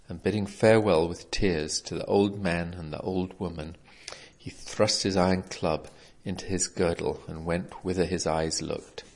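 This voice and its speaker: A man reading a folk tale aloud in a measured storybook manner with archaic wording. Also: deep voice, creaky, a little mellow. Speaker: reader. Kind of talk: storybook narration.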